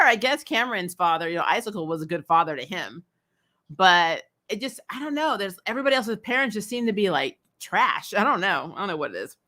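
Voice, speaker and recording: A woman hosts a casual livestreamed TV recap channel, speaking emphatically, bluntly and with strong opinions, swearing casually. Her voice is medium in pitch with a sharp tone.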